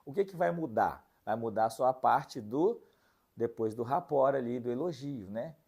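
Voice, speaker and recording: Relaxed man teaching a lesson. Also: medium pitch, normal speed, creaky, breathy edge. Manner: explains in short steps, checks in with "tá?" and "bacana?", acts out sample dialogues. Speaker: leadership course instructor. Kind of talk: recorded online lesson.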